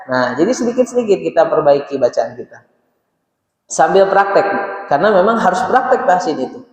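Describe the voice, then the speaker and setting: Slow, echoey mosque teacher, high voice. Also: male voice, very animated. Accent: Indonesian, Sundanese. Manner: patient, repeats each verse and has listeners follow. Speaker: Quran recitation teacher. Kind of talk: mosque lesson with chanted recitation. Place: mosque hall. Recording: echoey mosque hall with long reverb.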